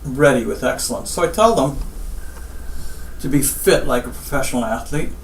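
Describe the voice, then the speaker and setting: A Guyanese spinal surgeon answers interview questions in a measured, advice-giving way, with a medium pitch and lively intonation, often repeating "I tell them" about his patients. The recording sounds roomy and slightly distant, with faint ambience and a little hiss or hum.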